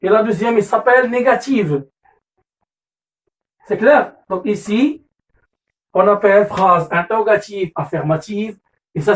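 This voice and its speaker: A Moroccan man with a high voice teaches a classroom lesson, recorded slightly off-mic so he sounds distant. He repeats key terms, corrects himself with "pardon," and mixes French with asides in Moroccan Arabic.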